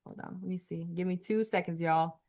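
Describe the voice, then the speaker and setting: A woman hosting a live webinar, chatting casually with attendees in an animated way and repeating her words. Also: lowish voice, brisk. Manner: animated, repeats herself, calls people girl. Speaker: webinar host.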